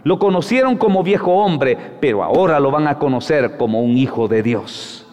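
A man's voice: a little high, animated, moderate pace, a little mellow. A man preaching a sermon, telling stories and exhorting his listeners, heard in an echoing hall. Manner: storytelling, exhorting. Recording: echoey hall.

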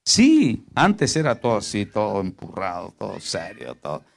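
A male preacher giving a sermon, firing rhetorical questions at his congregation and swinging between loud emphatic lines and hushed low ones. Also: huge pitch swings, moderate pace, vocal fry.

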